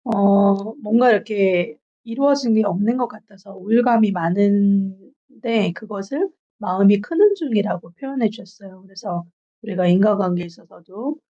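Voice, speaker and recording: A woman in her forties giving a measured, reflective book review from her notes, pausing often on filler sounds. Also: mid-range voice. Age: 40s. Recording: dull lo-fi recording.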